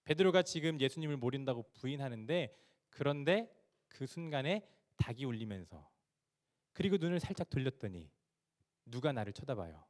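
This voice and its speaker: A man's voice: mid-range voice, lively intonation, moderate pace. A male pastor preaching a sermon, retelling a story dramatically and asking his listeners questions.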